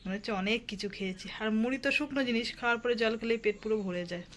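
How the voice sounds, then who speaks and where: A woman's voice: a little high, rapid-fire, fairly bright tone. A woman, a mother chatting casually to viewers at home about her day and chores. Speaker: vlogger and mother. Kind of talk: casual daily vlog narration. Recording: noisy home recording.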